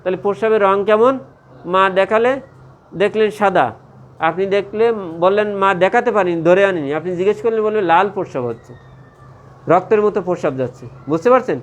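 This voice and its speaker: High-voiced man lecturing a class. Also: quick pace. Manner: asks the class questions and answers them himself, checks often with "okay?". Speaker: medical lecturer.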